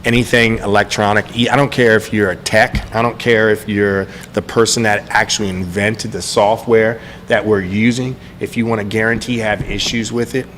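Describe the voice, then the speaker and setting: A man's voice: on the low side, level tone, moderate pace, hardly any pauses. A man hosting a casual podcast from his bike shop, joking and rambling with restarts. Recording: reverberant room, faint background hum.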